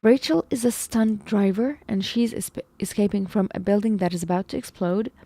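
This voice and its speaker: Her voice is medium-pitched, gravelly, and warm, moving at a moderate pace in a dry recording. Live-streaming math problems, the woman reasons aloud, second-guesses herself, talks to her chat, and senses her voice is going.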